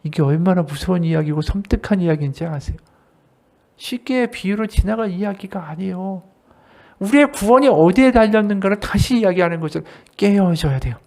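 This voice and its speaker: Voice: medium pitch, lively intonation, a little fast, vocal fry, darkish tone. An associate pastor preaching a sermon at a church service, talking straight to the congregation and asking them rhetorical questions.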